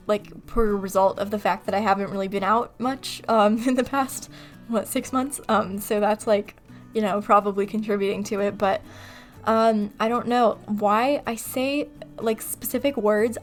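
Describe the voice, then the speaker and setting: A woman from California, chatting casually in a voice-over, rambling and laughing at herself as she talks. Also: on the high side. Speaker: video creator. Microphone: desktop mic on computer recording software.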